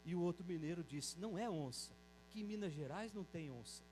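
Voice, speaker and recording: High-voiced Brazilian priest preaching. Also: male voice, animated, warm tone, a little hiss or hum, rough recording. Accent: Brazilian Portuguese. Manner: slows down to read scripture aloud, tells folksy jokes. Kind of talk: Sunday homily.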